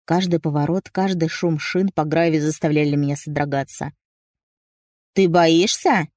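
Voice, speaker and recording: A woman's voice: sits low, steady tone, brisk, darkish tone, no room sound, clean studio sound. A woman narrating a first-person audiobook story with dramatic, emotional delivery.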